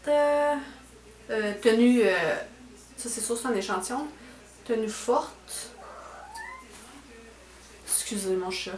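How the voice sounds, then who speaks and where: A young woman with a Quebec French accent talks her way through a beauty unboxing in a relaxed, rambling way, and her voice sits a bit high. She fills her sentences with little hesitations and trailing tags. The sound bounces around an echoey room at home. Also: slow pace, long pauses. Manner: chatty, full of fillers and trailing "là". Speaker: beauty vlogger. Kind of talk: casual unboxing chat. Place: at home indoors.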